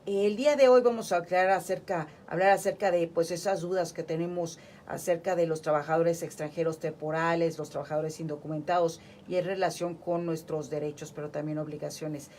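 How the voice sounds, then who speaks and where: A woman with a slightly low voice hosts a radio talk show and greets her guests with effusive enthusiasm. A faint hiss of noise sits behind her. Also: fairly even intonation, fairly quick, few pauses, darkish tone. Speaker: radio host.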